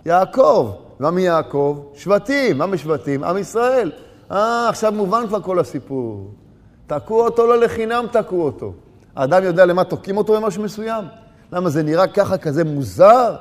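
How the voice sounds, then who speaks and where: A male preacher giving a religious sermon, asking rhetorical questions and repeating words for emphasis. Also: high-pitched. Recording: long hall reverb.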